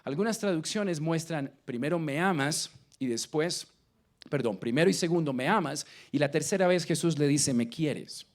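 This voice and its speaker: A man with a Colombian accent preaching a sermon, asking the congregation questions and swinging between loud emphasis and quiet lines. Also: on the high side, normal speed. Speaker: pastor.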